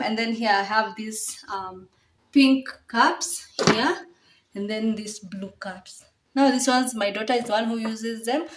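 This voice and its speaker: A woman's voice: fairly high pitch, a bit bright, slight background noise. A woman vlogger with a Kenyan accent, casually explaining things step by step and repeating her phrases as she goes. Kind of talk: casual home tour explanation.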